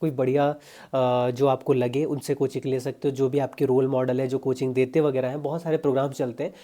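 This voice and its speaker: A man's voice: mid-range voice, level tone, a little fast, mellow. A young man, a fitness coach giving casual, chatty diet advice straight to his viewers. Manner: chatty, pushy, addresses viewers as brother.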